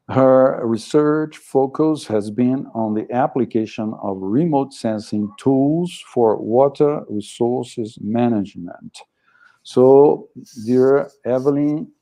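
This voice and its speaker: A man chairing an academic event, speaking formal, hesitant non-native English in a polite, deliberate manner. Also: medium pitch, dark tone. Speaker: session chair introducing speakers.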